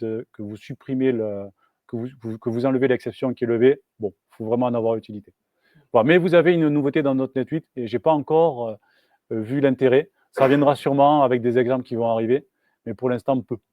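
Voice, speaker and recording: A man's voice: mid-range voice, a little mellow, no echo, muffled recording. Man, tech meetup talk, casual with lots of fillers, dry close sound. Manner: casual, hesitant, many fillers and restarts. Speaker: software engineer giving a meetup talk. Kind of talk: live technical presentation. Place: meetup room.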